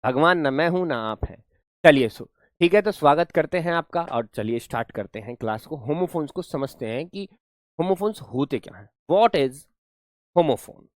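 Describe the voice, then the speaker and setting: A man's voice: on the high side, animated, moderate pace, no room sound, studio quality. A man teaching an online English class, mixing Hindi and English, spelling words out letter by letter and scolding students playfully. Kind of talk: online class lecture in Hinglish.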